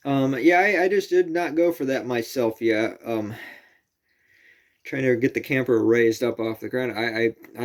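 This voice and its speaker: Rambling man vlogging outdoors at night. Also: medium pitch. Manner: rambling, restarts and corrects himself. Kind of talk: casual rambling vlog. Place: outdoors at night near a camper on a hill.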